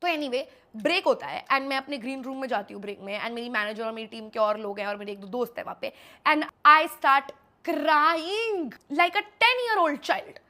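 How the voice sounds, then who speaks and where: A young woman influencer telling a story in a rapid, dramatic way, switching between Hindi and English. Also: high voice, sharp tone, faint music behind. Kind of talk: storytelling on a show.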